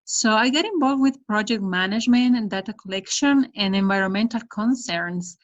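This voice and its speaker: A woman's voice: medium pitch, moderate pace, muffled recording. A middle-aged woman from Ecuador, a guest on a video call from her home, explaining her work steadily with hesitant fillers. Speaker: guest, development project manager. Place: indoor room at home. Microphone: laptop webcam on video call.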